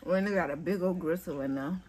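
A woman's voice: on the low side, a little fast, darkish tone, a little hiss or hum. A young woman, hosting an eating show, chatting casually to viewers and humming with pleasure while talking with her mouth full. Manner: savoring, humming with pleasure between bites. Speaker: mukbang host.

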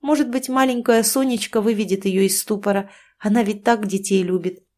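A woman's voice: medium pitch, fairly even intonation, a little fast, darkish tone, lightly acted. A woman reading an audiobook, voicing a decisive, reassuring female friend. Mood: firm. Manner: firm, reassuring.

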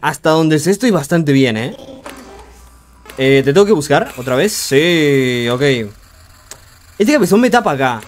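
A young man giving frantic live commentary on a horror game, urging himself on with rapid repeated words and joking with the game's characters. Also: fairly high pitch, lively intonation, soft background music. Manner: jokey, talks to the game's characters. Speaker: gaming streamer.

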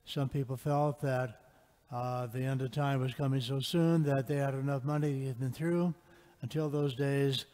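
A priest chanting and then preaching a homily in a relaxed way with fillers, his voice ringing with a long church reverb. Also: medium pitch, moderate pace. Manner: conversational preaching with frequent fillers. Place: large church.

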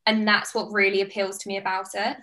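This guest is an online fitness coach from the United Kingdom, a woman in her twenties chatting excitedly on a laid-back video call and gesturing with her hands. Her medium-pitched voice stays level but comes out brisk, pushed and bright. The audio is poor, with faint music behind her in a small plain-walled room indoors.

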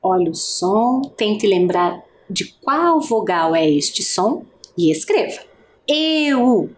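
Woman teacher, adult literacy lesson, patient, slow and deliberate, lively rising and falling pitch. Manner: slow, patient, drawn-out vowel sounds.

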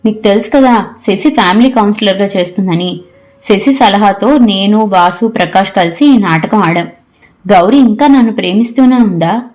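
Woman reading a frank young guy in an audio story, calm, explains stuff at length. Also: medium pitch, moderate pace, lightly acted. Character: frank, teasing young man, the cousin.

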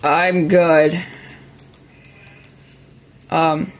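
Young man, high voice, casual gaming chatter, easily confused, keyboard typing in the background. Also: level tone, very slow, soft background music. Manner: chatty, easily puzzled, laughing along. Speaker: gaming video host. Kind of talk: casual gameplay commentary.

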